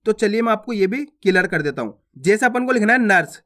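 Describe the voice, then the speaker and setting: A man's voice: high-pitched, animated, brisk, a bit bright. A man teaching a reading lesson to online viewers, drilling words by asking a question and answering it himself, and often checking that they understand. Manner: repetitive drill, asks and answers own questions.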